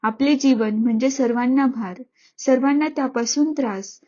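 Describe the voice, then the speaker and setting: A woman's voice: high-pitched, normal speed, dark tone, highs cut off. A woman reading a story aloud as narrator, in an earnest and reflective way.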